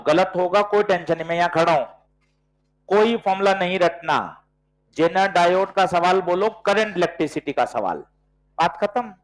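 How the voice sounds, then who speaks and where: Brisk, coaxing male physics teacher. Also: high voice, rough recording. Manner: brisk, coaxing, quizzes students with short questions. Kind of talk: classroom lecture with problem solving.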